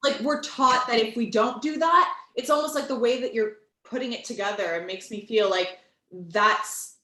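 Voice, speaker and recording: Woman host, thoughtful and conversational, mid-pitched; echoey room sound. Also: moderate pace, sharp tone. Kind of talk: casual conversational interview. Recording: roomy echo.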